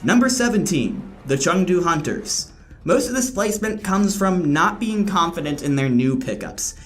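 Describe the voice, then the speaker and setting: A man with a slightly high voice delivers scripted esports commentary as a host. He is frank and opinionated. Faint music plays behind him, and the room sounds a little echoey. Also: lively intonation, moderate pace, a bit bright. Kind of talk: scripted commentary, countdown rankings. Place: indoor room, different from usual.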